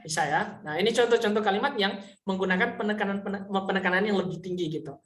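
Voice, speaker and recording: In a reverberant recording, a woman with a mid-range voice gives an informal online Mandarin lesson. Patient in her explanations, she reads example sentences slowly and keeps checking on her students' understanding.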